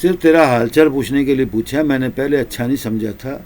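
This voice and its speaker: Man doing gentle old holy hermit, soft pleading questions, mid-pitched. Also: close to an everyday voice. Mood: gently asking.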